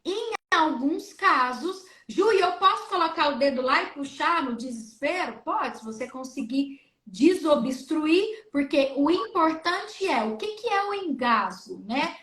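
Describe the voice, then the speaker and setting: Slow, bright-voiced woman explaining. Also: sits high, animated, roomy sound. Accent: Brazilian Portuguese. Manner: demonstrative, acts out coughs and vowels. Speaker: speech therapist guest. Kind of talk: explaining on a live stream.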